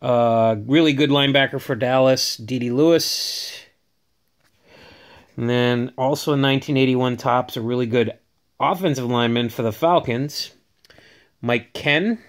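A man's voice: medium pitch, a little slow. A man casually talking through his autograph collection in a home vlog, rambling with many fillers and restarts, filmed on a handheld phone. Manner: rambling, filler-heavy, upbeat. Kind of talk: casual show-and-tell vlog.

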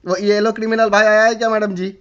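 A man's voice: high voice, little pitch movement, fast, a bit bright, lo-fi sound. A man gamer pranking a stranger in voice chat, talking in a playful, teasing, flirty way. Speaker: gamer streamer. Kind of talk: prank voice chat in a shooter game. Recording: noisy game-chat audio.

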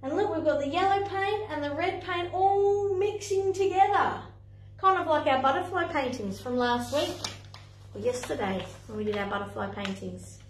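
An Australian woman who runs a playgroup narrates a storytelling lesson for parents and toddlers, her voice high, animated and sing-song, full of exclamations at a normal speed. She stands in front of a screen in an indoor playroom, picked up by a distant camera, so the sound is echoey and carries a faint hiss or hum.

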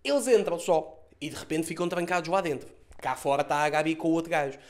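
Brief: male comedian, Lisbon accent, quick mocking recap, high bright voice, lots of cursing. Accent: Lisbon Portuguese. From Portugal. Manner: mocking, swears a lot, mimics characters. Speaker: comedian reviewing a TV series.

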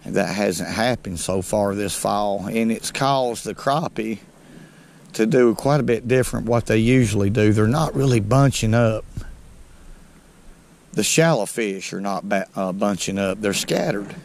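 A fishing channel host, middle-aged and Southern-accented from North Alabama, speaks in a lowish, creaky, slightly mellow voice. He casts from a small boat on a lake, giving relaxed, folksy commentary to viewers he calls "folks." His head-mounted action camera catches slight background noise.

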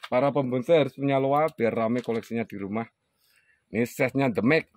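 A man's voice: medium pitch, a little fast. A man with a Javanese Indonesian accent giving a casual sales presentation as host, repeating prices and names for viewers. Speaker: host reviewing bonsai for sale. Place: outdoors in a plant yard.

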